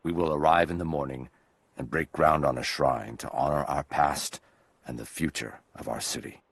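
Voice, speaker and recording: A deep, proud overseer. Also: male voice, fairly even intonation, moderate pace, gravelly, slightly rough, heavily acted. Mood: solemn. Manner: formal, stately, proud. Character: solemn proud male overseer of builders. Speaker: game character, founder overseer. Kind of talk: formal journal narration.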